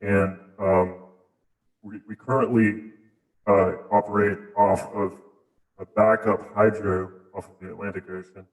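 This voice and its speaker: A man being interviewed as a mining operator, speaking through a voice scrambler in a hesitant, halting way with many restarts. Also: lowish voice, level tone, reverberant, rough recording. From Southeast United States. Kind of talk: casual interview.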